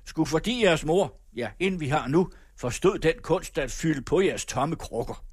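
A man's voice: fairly high pitch, animated, breathy edge, no echo, voice pushed up. A blustering middle-aged father grumbles and curses in exasperation, as a male reader plays him. His voice sits a little above the reader's own. The recording is dry and close. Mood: exasperated.

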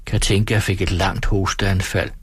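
A man reading a novel aloud as an audiobook narrator, calm and steady. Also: deep voice, breathy edge, no echo. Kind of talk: scripted narration.

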